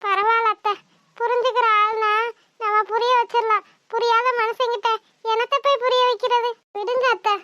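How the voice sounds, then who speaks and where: A woman's voice: extremely high pitch, level tone, normal speed, pushed and bright. A woman voicing a young woman in a cartoon who is ill with a stomach ache, curt and subdued. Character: young woman, sick and hurt, quietly defiant. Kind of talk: cartoon voice acting. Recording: dull dry studio recording.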